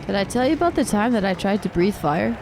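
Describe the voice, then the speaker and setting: A woman's voice: mid-range voice, expressive, quick pace, noisy background. A woman co-hosting a gaming podcast, telling stories in a chatty, meandering way. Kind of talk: casual storytelling chat.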